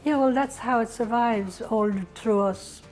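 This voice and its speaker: A woman's voice: a little high, measured pace, a little mellow, faint music behind, rough recording. An Irish woman, a volunteer, chatting informally in an interview. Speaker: lifeboat volunteer.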